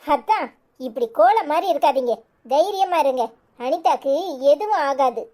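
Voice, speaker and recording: A woman voicing a calm elder sister who soothes and reassures in a lowered voice, with a Tirunelveli Tamil accent. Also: normal speed. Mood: reassuring.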